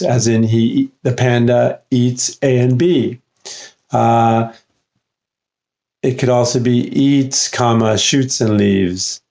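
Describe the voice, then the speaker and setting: Guy doing a casual unscripted english lesson, lots of uhs and restarts, average pitch. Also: gravelly, mellow. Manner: casual, halting, many fillers and restarts. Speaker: English writing tutor.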